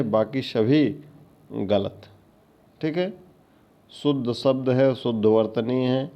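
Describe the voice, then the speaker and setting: A male teacher with a gravelly, mid-range voice works through exam questions, saying each answer word several times and adding a rising "ठीक है" after every point. It's an exam-prep lecture captured in a dull, lo-fi recording.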